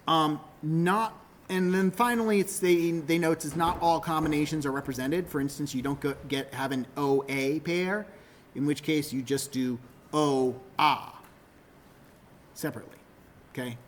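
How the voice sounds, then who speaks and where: A man's voice: on the high side, moderate pace, a little hiss or hum. A male university lecturer giving a classroom lecture, explaining step by step, correcting himself often and checking that students follow.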